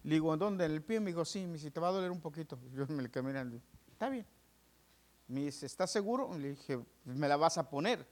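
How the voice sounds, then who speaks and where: A pastor gives his testimony from the pulpit, slightly higher-pitched than most men. He tells it with lively swings, acting out the doctors and nurses and turning to his listeners as brothers. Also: fast talker, hardly any pauses. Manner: animated storytelling, addresses listeners as brothers; acts out dialogue with doctors and nurses. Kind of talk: sermon testimony.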